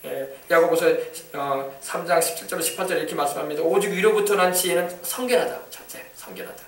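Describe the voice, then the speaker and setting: A man preaching from the pulpit in a high, rapid voice, stressing words and shouting hallelujah between points. The sound comes from a distance in an echoey church hall. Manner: emphatic, repetitive, calls out hallelujah. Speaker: pastor. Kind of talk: sermon. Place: church sanctuary.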